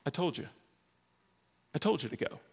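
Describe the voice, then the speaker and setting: A man voicing God in a sermon, speaking firmly and calmly. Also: a little high, moderate pace, vocal fry, slightly rough, in a large hall, exaggerated voice. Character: God speaking, calm and firm commanding.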